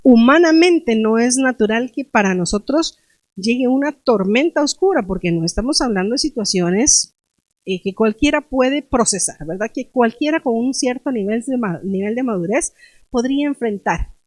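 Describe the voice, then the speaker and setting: A woman preaches a sermon in a chatty, questioning manner. She now and then acts out frightened cries for effect. Her voice sits fairly high and sounds dry and close. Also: expressive, moderate pace, darkish tone, no room sound. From Guatemala. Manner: conversational, asks the congregation questions.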